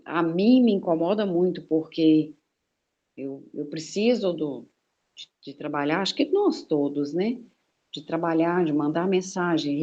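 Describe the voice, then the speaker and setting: A woman with a lowish, mellow voice muses aloud in a casual group discussion, pausing and restarting as she reaches for her words. The sound is dull and lo-fi. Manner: hesitant, frequent "né?" tags.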